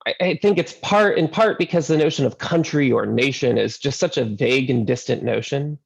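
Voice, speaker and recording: Earnest man preaching, gravelly voice, mid pitch, story-driven sermon. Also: brisk, rough recording. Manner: earnest storytelling, repeats words when starting. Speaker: seminary intern preacher.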